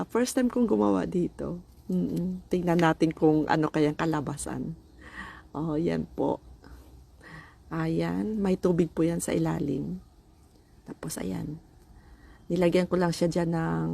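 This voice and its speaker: Woman, Filipino accent, blocked-nose nasal tone, slow pace, slightly low pitch, congested, casual chatty vlogger. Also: creaky, mellow, slightly rough. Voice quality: nasal, stuffed-nose sound. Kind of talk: casual chat to viewers while showing a DIY planting project.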